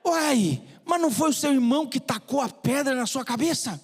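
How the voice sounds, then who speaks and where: A man's voice: sits high, lively intonation. A man doing a coaxing folksy country doctor. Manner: gentle coaxing tone, drawn-out "uai". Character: kind experienced male doctor from Minas, folksy. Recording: reverberant church hall.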